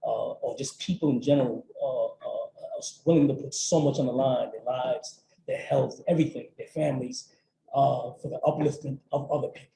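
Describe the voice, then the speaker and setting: A man's voice: mid-range voice, normal speed, creaky, mellow. A man from Puerto Rico speaking on a panel, earnest and openly emotional as he gives thanks. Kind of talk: panel discussion. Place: event venue. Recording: roomy with faint noise.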